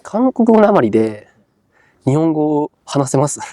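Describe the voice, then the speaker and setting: A man's voice: on the high side, sing-song, measured pace, mellow, no room sound. A young man hosting a casual interview, asking curious, playful questions. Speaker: host.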